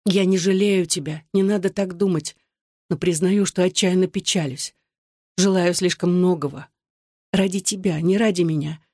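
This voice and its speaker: A reader voicing a gentle young wife who pleads in soft, tearful whispers, in an audiobook. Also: female voice, fairly low pitch, fairly even intonation, normal speed, no echo, clean studio sound, close to an everyday voice. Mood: tender. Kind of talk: audiobook dialogue.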